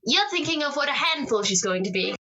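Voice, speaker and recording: A woman's voice: sits high, very animated, brisk, sharp tone, muffled recording, full character voice. A woman acting in an old radio drama as a young daughter, affectionate and teasing with her father. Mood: playful. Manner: affectionate, teasing, then pleading. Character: young woman Margaret, playful and clinging.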